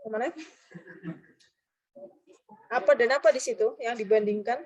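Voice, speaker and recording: A woman's voice: on the high side, moderate pace, a little mellow, low-quality recording. A woman teaching a Japanese grammar class. She quizzes her students and reads out example sentences between her explanations.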